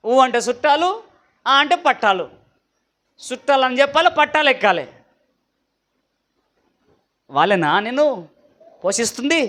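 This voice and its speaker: High bright-voiced male preacher. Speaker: pastor. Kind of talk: sung worship and sermon.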